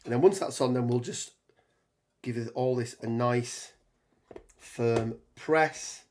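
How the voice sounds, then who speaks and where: With a cold making his voice hoarse, a tabletop gaming streamer talks casually on a live stream while putting terrain together. His mid-range voice has a darkish tone, and there's a bit of hiss or hum. He rambles with many ums and restarts, reading chat aloud as he goes.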